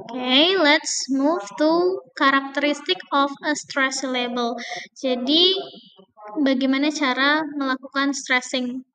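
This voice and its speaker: High-voiced Indonesian woman teaching pronunciation. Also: bright, forceful tone, low-quality recording. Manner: mixes Indonesian and English, hesitant fillers, drawn-out example words. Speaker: English pronunciation lecturer. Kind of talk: recorded lecture explaining word stress.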